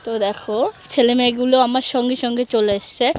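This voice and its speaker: A hoarse woman vlogging outdoors in farm fields, chatting playfully to viewers with teasing mock complaints. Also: fairly high pitch, flat delivery, fast talker, slight background noise. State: hoarse from a cold. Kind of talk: casual vlog chat to viewers.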